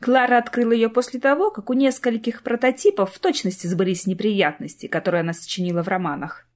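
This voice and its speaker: Casting: female audiobook narrator, expressive, slightly high. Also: fast talker.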